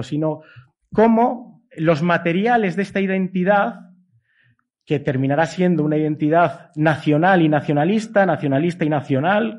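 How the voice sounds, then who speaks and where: A middle-aged man with a Castilian Spanish accent, from the Basque Country and Galicia in Spain, delivers a discursive, hesitant, semi-improvised academic talk, often adding checking tags. His voice is a little high and a little mellow, and the recording is dull and lo-fi.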